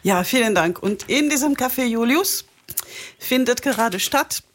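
A woman's voice: fairly high pitch, lively intonation, a little slow, slight background noise. Woman hosting a studio interview. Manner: conversational, hesitant. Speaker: host. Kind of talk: interview questions.

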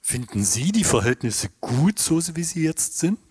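An actor playing a bitter retired man who talks in a gruff, blunt way. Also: fairly high pitch, sing-song, moderate pace, a little mellow. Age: older. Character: grumbling retired man, bitter about the state.

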